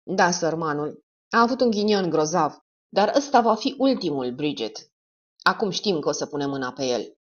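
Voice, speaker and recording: A woman reading a grim young investigator, low and firm. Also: animated, highs cut off. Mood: tender. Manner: firm, dark-toned.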